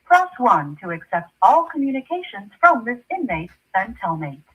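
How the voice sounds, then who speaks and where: A recorded woman's voice reading a prison phone call announcement in a formal, measured way. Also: a little high, very animated, a bit bright, slightly rough. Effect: prison phone line. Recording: distant tinny phone playback.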